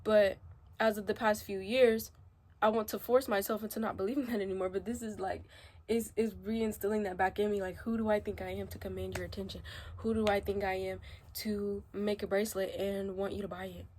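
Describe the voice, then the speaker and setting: A young woman crying as she speaks a halting, emotional confessional vlog, her voice rising and breaking as she gets upset. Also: medium pitch, level tone, a little mellow. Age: young adult. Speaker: vlogger.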